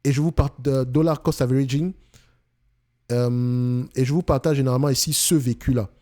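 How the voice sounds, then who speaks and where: Emphatic Cameroonian man, mellow voice. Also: medium pitch, steady tone, fairly quick. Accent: Cameroonian French. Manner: emphatic, repeats himself, many restarts. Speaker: investing channel host. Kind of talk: casual monologue to camera.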